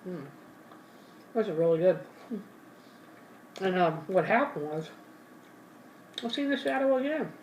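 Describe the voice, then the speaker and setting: A woman's voice: lowish voice, lively intonation, measured pace, pauses often, far from the mic, a little hiss or hum. A woman hosting an ASMR channel, telling a story in a casual, rambling way while eating, sometimes talking with her mouth full and correcting herself. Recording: roomy and from the mic, faint ambience.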